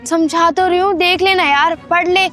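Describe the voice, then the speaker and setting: A woman's voice: very high voice, steady tone, normal speed, a bit bright, faint music behind. A woman playing a friendly classmate who explains a lesson in a casual way in an amateur horror drama. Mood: explaining. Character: friendly schoolgirl friend, a bit reluctant.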